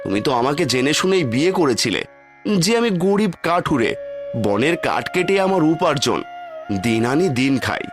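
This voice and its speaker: A man voicing a gentle, poor woodcutter in a cartoon who pleads mildly with his wife, and who also narrates. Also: fairly high pitch, very animated, moderate pace. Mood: pleading. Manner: pleading, mild, hurt. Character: poor, gentle, long-suffering woodcutter husband. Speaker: narrator too. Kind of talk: Bangla cartoon voice acting. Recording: music underneath.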